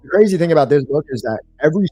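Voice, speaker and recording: A man talks casually with a dark, husky voice, full of ums and restarts. His stream audio is glitchy and keeps cutting out and dropping away. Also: fairly high pitch, expressive, racing, no echo, soft background music. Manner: rambling, many ums and restarts. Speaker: stream co-host. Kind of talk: casual chat.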